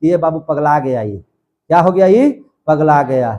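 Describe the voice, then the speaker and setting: A man teaching a lesson in a bright, high voice. He talks in a lively way, asking a question and then repeating the answer back. His voice sits high for a man. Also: a little slow. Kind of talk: classroom lecture.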